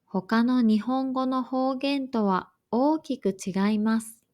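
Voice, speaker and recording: A woman reading a scripted lesson for learners in a slow, careful, even way. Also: fairly high pitch. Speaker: language teacher.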